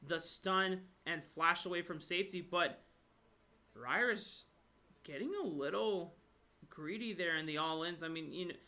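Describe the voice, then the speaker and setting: A man with a fairly high, bright, forceful voice commentates a live esports match over a headset. He breaks down plays analytically, then jumps sharply up in pitch when something surprises him. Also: unhurried. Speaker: esports caster. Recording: brief connection dropouts.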